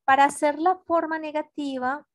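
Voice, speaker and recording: A woman teaching an English grammar class online, explaining rules slowly and patiently and checking that students follow. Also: high voice, steady tone, background noise. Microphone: computer mic on a video call.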